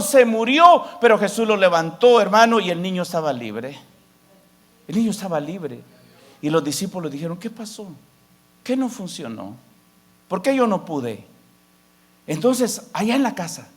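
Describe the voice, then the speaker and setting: A man preaching a sermon as pastor, often addressing the congregation as brother, swinging between loud declarations and soft asides. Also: very high-pitched. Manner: preaching with sweeping rises and drops, calling out "hermano".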